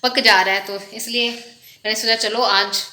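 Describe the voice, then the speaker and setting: A woman's voice: on the high side, steady tone, normal speed, pushed and bright. A young woman vlogging in a chatty, casual way, slipping English words into her talk. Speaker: family vlogger. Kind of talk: casual vlog narration.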